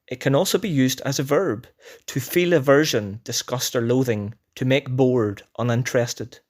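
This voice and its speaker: Northern Irish man reading an educational script. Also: mid-range voice. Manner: measured dictionary-style delivery with definitions and examples. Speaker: language teacher presenting a word list.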